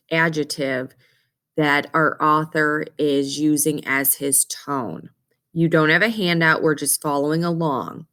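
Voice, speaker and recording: A woman's voice: low voice, a bit bright. A woman teacher giving an instructional reading lesson to children, explaining step by step and often checking that they follow. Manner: checks understanding often with okay and questions.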